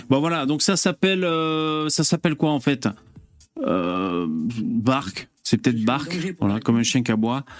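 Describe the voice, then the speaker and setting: A man's voice: medium pitch, no room sound. A man hosting a casual live stream, chatting with viewers in a loose, hesitant way with lots of fillers and curse words. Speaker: host.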